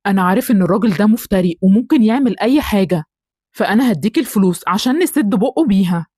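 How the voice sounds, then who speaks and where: A woman with an Egyptian accent voicing a calm, fair-minded man who soothes and reasons with others. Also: medium pitch, quick pace, slightly rough, no echo, clean studio sound.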